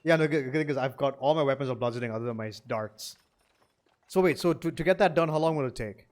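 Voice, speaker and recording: A man playing a tabletop game, eager and full of questions, with quick restarts. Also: mid-range voice. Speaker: player.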